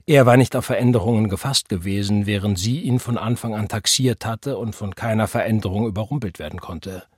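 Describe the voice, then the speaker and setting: Low, husky male narrator. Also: dry recording, clean studio sound. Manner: measured, serious storytelling. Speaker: audiobook narrator. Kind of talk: scripted narration.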